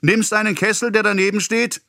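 A man's voice: fairly high pitch, lively intonation, slow, bright, forceful tone, dry recording, clean studio sound, pitched above the performer's own voice, exaggerated voice. A man playing a pompous raging apothecary. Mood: ranting. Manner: ranting, scolding, self-important. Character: pompous excitable middle-aged male apothecary. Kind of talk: audiobook character voice.

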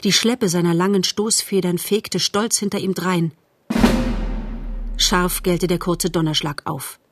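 A woman narrating a storybook in a measured, calm way. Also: on the low side, over loud music. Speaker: audiobook narrator.

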